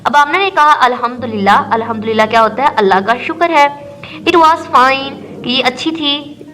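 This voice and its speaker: Woman teacher, high bright voice, patient classroom explainer, faint music under her. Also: expressive, low-quality recording. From Pakistan. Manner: reads English lines slowly, then explains them in Urdu. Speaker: English teacher. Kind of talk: explaining a textbook lesson.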